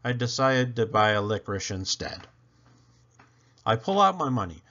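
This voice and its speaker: A man brings a children's picture book to life in an animated storytelling style, full of emphatic, dramatic phrasing and playful swoops. He talks at medium pitch and normal speed in a muffled recording.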